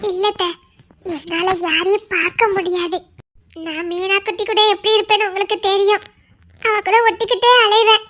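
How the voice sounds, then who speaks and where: A woman with a Tirunelveli Tamil accent playing a young woman who says a soft, tearful, polite goodbye in a comic skit. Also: very high voice, fairly even intonation, normal speed. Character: young woman tearfully leaving her family.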